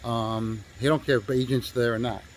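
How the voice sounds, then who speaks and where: A man's voice: mid-range voice, steady tone, normal speed, a little hiss or hum, rough recording. Rambling, profane man telling a story. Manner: rambling, profane, full of fillers and restarts. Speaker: real estate agent. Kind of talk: casual storytelling.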